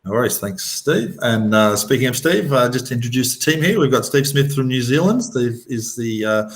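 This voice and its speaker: A man's voice: mid-range voice, lively intonation, moderate pace. A man in his fifties with an Australian accent, giving an informal webinar presentation over a video call.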